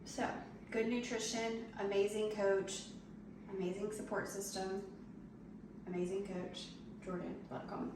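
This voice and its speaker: A woman in her thirties, a vlogger and amateur bodybuilding competitor, chats casually and gushingly, though her medium-pitched delivery is flat and measured, with long pauses. The echoey room is noisy, the mic distant, and faint music plays.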